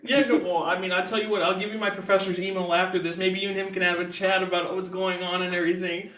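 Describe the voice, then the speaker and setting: A man's voice: high-pitched, flat delivery, fast talker, pushed and bright, far from the mic. A young man hosting a college radio interview, telling rambling stories full of fillers. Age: young adult. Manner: rambling, chatty storytelling with fillers. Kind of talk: casual interview chat. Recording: echoey room, a bit off mic, faint hiss.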